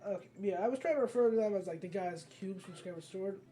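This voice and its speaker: Over background video game music, a gaming video host talks fast in a mellow, medium-pitched voice during a casual let's play. The commentary rambles along, often stopping to fix itself mid-sentence.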